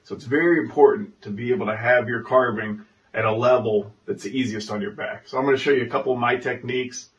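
A man's voice: mid-range voice, fairly even intonation, quick pace. Sarcastic man, heard from a distance. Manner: dry, sarcastic humor, chatty with fillers. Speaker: chainsaw carver, channel host. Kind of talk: casual vlog intro. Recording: distant, dull sound.

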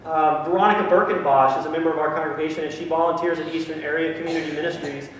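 A man's voice: on the high side, fairly even intonation, fast talker. A middle-aged male pastor preaching a sermon, earnest and grateful, with many restarts and ums. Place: large church sanctuary. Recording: echoey sanctuary from a distance.

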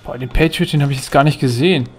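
A man's voice: fairly high pitch, fast talker, faint music behind. A man giving casual, chatty commentary while playing a video game, thinking aloud as he goes. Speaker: let's play gamer.

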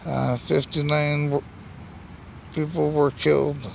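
Filming a magnet fishing session at night, this male vlogger talks casually over faint outdoor noise. His pitch runs higher, carries some fry, barely moves, and he takes his time. He holds the camera or phone himself on a bridge walkway, so the recording is noisy, with an ambient hum.

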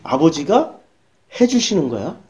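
Blunt woman preacher, animated and mellow. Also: low-pitched, a little slow. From South Korea. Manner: blunt, emphatic preaching with rhetorical questions and coarse slang. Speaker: pastor. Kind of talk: sermon.

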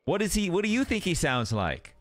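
A man co-streaming a game, chatting casually, excitable and full of exclamations. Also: high voice, a little fast. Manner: excitable, exclaiming and musing aloud. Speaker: guest co-streamer. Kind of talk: casual gaming chat.

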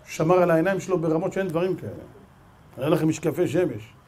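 High-voiced Israeli rabbi preaching. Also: male voice, slightly rough. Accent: Israeli Hebrew. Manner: animated storyteller, acts out dialogue. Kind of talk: sermon with storytelling.

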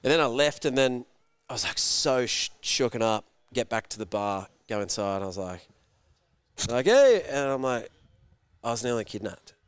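A man's voice: mid-range voice, normal speed, clean tone, dry recording. A man telling a story casually, swearing freely and acting out the voices of people in it. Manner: animated, swears freely, acts out shouted quotes. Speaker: guest.

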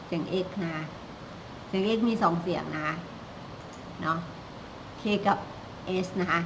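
A woman teaching English phonics in a live-streamed lesson, repeating each sound slowly and patiently with polite particles. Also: on the low side, noisy background. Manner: slow, repetitive drilling of sounds with polite Thai particles.

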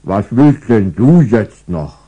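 Storybook teddy bear, gloomy, gruff, slow, tinny filtered sound, voiced by a male narrator. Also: on the low side, big pitch swings, dark tone, heavily acted. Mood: grumbly, forlorn. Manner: grumbling, slow and sparing with words. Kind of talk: storybook character voice. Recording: thin phone-like filtered sound.

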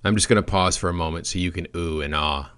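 Male product trainer with a deep voice, reading a script with dry, deadpan humor. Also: fast, clear, resonant tone.

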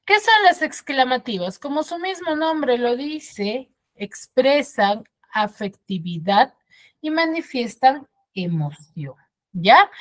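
Woman teacher in an online class, lively pitch swings, explains patiently and keeps asking pupils if they follow. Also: takes it slowly. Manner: explains step by step, asks pupils checking questions. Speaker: schoolteacher.

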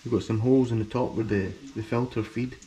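A young man with a New Zealand accent, casually talking through cooking in his home kitchen, relaxed and chatty, repeating words as he explains. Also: medium pitch, fast talker. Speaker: vlogger. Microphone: action camera. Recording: noisy home video with background hum.

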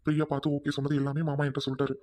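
Man as a fast-talking loyal younger brother, dark tone, urgent and pleading, family drama. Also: a little high, completely flat delivery, lightly acted. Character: devoted hot-tempered younger brother.

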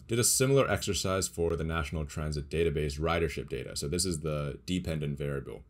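A young man casually walking through his data science project on a screen share, explaining as he goes with small restarts. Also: very deep voice. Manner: relaxed, explanatory, thinks aloud with small restarts. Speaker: data science tutorial creator.

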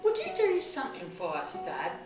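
An actress playing a flippant young adult daughter who puts on a mock Cockney accent. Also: female voice, mid-range voice, wildly swooping pitch, moderate pace, echoey room, loud music behind the voice. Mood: wheedling.

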